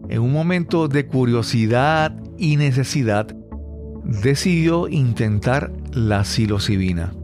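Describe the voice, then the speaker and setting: Slow announcer voice over music. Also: male voice, mid-range voice, darkish tone. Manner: measured, deliberate announcing. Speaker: podcast announcer. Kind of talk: scripted intro narration.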